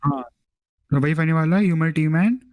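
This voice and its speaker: A man's voice: on the high side, normal speed, darkish tone, no echo. A young man with an Indian accent hosting a casual podcast, earnestly explaining his views at length. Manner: earnest, explains at length, mixes Hindi and English. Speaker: podcast host. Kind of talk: casual chat.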